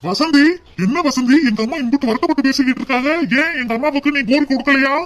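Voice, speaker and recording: A man's voice: very high-pitched, fast talker, background noise. A man voicing a village husband in a cartoon, torn between his mother and wife, with a southern Tamil accent. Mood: scolding. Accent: southern Tamil (Tirunelveli). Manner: pleading and scolding by turns.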